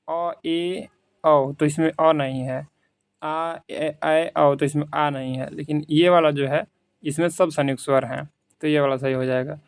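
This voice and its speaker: A man teaching Hindi grammar through quiz questions. He reads out the options slowly, then explains them in casual, conversational Hindi. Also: fairly high pitch, darkish tone, no echo. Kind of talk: quiz lesson, reading questions and explaining answers.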